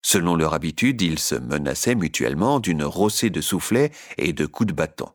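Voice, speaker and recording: A man reading a children's story aloud in an expressive narration. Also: extremely low pitch, normal speed.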